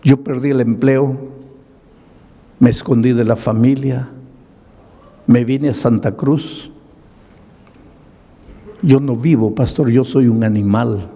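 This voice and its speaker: A man's voice: mid-range voice, steady tone, takes it slowly, gravelly, pauses often, dark tone, in a large hall. A man voicing a grieving homeless drunkard who confesses his past in a pleading voice. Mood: anguished. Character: grieving homeless adult male drunkard, remorseful.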